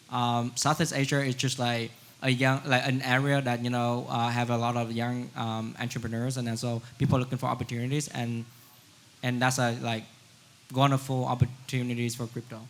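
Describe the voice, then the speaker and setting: A man from Vietnam speaking on a conference panel, halting, with many fillers. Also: medium pitch, little pitch movement. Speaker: panelist, crypto wallet founder. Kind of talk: panel discussion answers.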